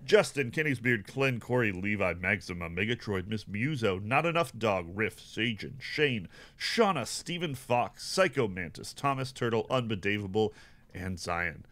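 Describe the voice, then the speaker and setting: A man co-hosting a podcast, reading supporter shout-outs in a put-on radio announcer voice. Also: fairly low pitch, lively intonation, moderate pace. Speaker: podcast co-host.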